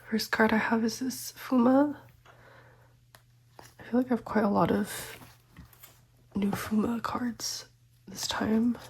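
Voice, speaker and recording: Through a rough recording, a young vlogger shows off her photocard collection while a bit sick and stuffy. She speaks softly in a slightly high, breathy voice, half-whispering at times and filling gaps with ums and small laughs.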